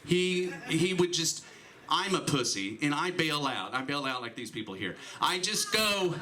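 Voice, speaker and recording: A man's voice: fairly high pitch, sing-song, measured pace, bright, forceful tone. A man, a comedian on a comedy club stage, giving a rambling, self-deprecating stand-up tribute through a handheld mic.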